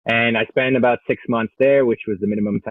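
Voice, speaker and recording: A man's voice: medium pitch, fairly even intonation, fast talker, dry recording. A man from Canada whose first language is French, speaking with a French Canadian accent, easygoing and plain-spoken as a podcast guest. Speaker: guest, airfare consultant. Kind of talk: podcast interview. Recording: tinny phone-like remote call.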